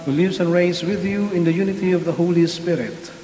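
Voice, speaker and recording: A man, a priest intoning prayers in a measured way at an online Mass, his voice carrying a cathedral echo. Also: sits high, dark tone, soft background music. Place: large church. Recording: echoey hall with faint hiss.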